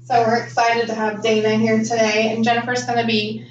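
Female podcast voice, higher pitch, numb-lipped casual chat, distant and roomy. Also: monotone, a little fast. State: numbed lips. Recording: echoey room, distant dull mic, faint noise.

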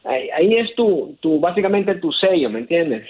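A man's voice: a little high, very animated, normal speed, breathy edge. A man calling in by phone, patiently explaining and correcting a pronunciation in casual talk. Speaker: caller. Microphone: telephone. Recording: tinny phone line.

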